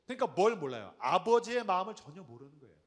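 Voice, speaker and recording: A man's voice: sits high, big pitch swings, fast. A man preaching an evening sermon to young adults. He talks in an emphatic, conversational way and keeps asking the audience questions. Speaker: pastor.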